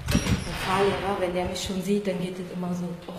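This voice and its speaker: A woman's voice: fairly low pitch, level tone, a little fast. A woman chatting casually to her viewers in a vlog, giggly and greeting people by name. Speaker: vlogger. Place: in a car. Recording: car noise behind.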